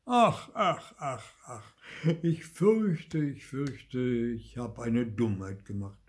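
A man's voice: mid-range voice, very animated, measured pace, warm tone. A man doing a huffy old woodcarver, scolding. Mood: lamenting. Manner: scolding, exasperated, then lamenting. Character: fussy indignant old male woodcarver.

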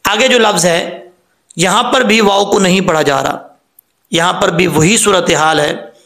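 Slow, gravelly-voiced male Quran teacher. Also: high voice, a bit bright. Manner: spells out letters slowly, then recites them in a sung tone. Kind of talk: step-by-step tajweed lesson.

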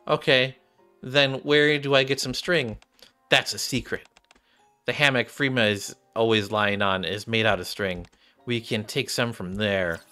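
A man in his thirties streams a game from a room at home, reading its dialogue aloud in a medium-pitched, sharp-toned voice. Game music and keyboard typing can be heard behind him.

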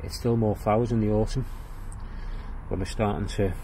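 A man giving a casual tour of his walled garden outdoors, talking in a plain-spoken, unhurried way as he walks and explains. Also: fairly low pitch, steady tone, dark tone, a little hiss or hum. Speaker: gardening vlogger.

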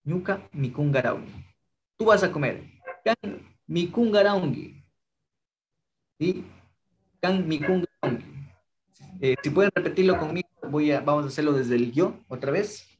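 A man's voice: fairly high pitch, animated, highs cut off, slight background noise. Patient young man drilling phrases. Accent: Ecuadorian Spanish. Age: young adult. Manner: patient, slow drilling of phrases, checks in with frequent "¿sí?". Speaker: language teacher. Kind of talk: online language class.

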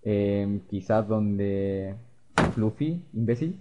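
A man's voice: lowish voice, expressive, drawn-out words. A man playing a video game, muttering to himself and reading on-screen text aloud. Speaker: gamer. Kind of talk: let's play commentary. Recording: dull lo-fi recording with faint hiss.

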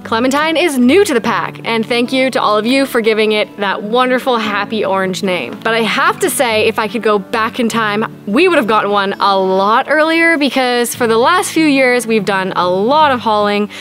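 Giggly high-voiced woman on a cabin tour. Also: moderate pace, hardly any pauses, fairly bright tone, faint music behind. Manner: giggly, self-deprecating, laughs often. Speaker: vlogger. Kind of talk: casual walking home tour. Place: outdoors at a forest cabin homestead. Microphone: handheld camera at arm's length.

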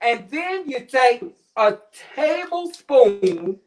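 This cooking show contestant, a middle-aged man, shows off a recipe from his home kitchen on a webcam video call. His voice is extremely high and sing-song and very slow, and he keeps it jokey with lots of slang and puns.

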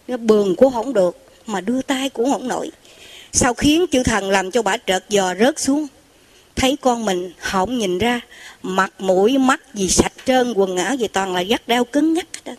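Lady telling miracle stories, high voice, chatty, talks right to the crowd. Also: no echo. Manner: addresses listeners directly, lively retelling. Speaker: storyteller. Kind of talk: oral storytelling of religious miracle tales.

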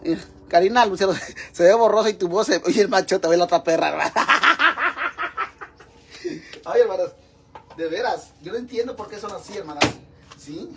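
A middle-aged woman with a Mexican accent runs a bawdy live stream while she cooks, talking at an everyday pitch. She swears freely and keeps calling out to her viewers as sisters. A faint hiss of noise sits under her voice. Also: fast. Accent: Mexican Spanish. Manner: crude, joking, keeps addressing viewers as sisters. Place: home kitchen.

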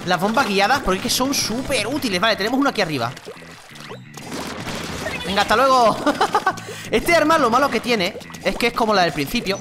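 A gaming channel host with a Spain Spanish accent giving chatty, excitable gameplay commentary. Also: mid-range voice, fairly quick, long pauses, over music. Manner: excitable, chatty, exclaims and laughs during play.

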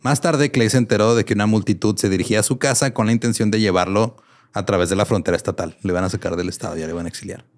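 Man, Mexican Spanish accent, lowish voice, casual storytelling, laughs a lot, slangy asides. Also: racing. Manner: reads quotes aloud, laughs often, slangy asides. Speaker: podcast co-host telling a history story. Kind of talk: casual comedic history chat.

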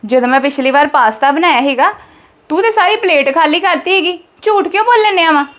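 A woman's voice: high-pitched, expressive, brisk, fairly bright tone. A woman acting a resentful daughter-in-law in a family drama skit, scolding and complaining.

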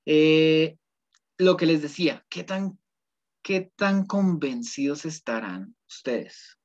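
A man's voice: a little high, lively intonation, takes it slowly. A male ethics teacher, giving an online class in a conversational way, often checking in with students and rephrasing his points. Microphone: computer mic on a video call. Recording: dull lo-fi video call audio.

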